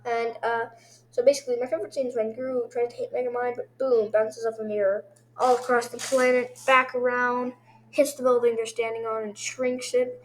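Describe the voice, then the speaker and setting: A woman casually reviewing episodes one by one, rambling excitedly and throwing in sound effects like boom. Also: normal speed, a little hiss or hum.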